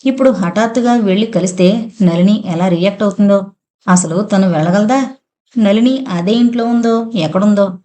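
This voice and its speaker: A woman narrating a novel in a calm, even storytelling manner. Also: mid-range voice. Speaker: audiobook narrator.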